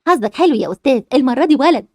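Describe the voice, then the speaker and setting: A woman's voice: high voice, lively intonation, very fast, dark tone, no room sound. A woman voicing a blunt, outspoken woman doctor, speaking in an Egyptian accent. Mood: exasperated. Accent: Egyptian Arabic. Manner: frank, exasperated.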